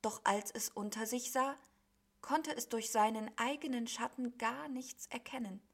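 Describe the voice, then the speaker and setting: A woman reading a storybook tale aloud in a measured, expressive way. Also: a little high. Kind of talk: storybook narration.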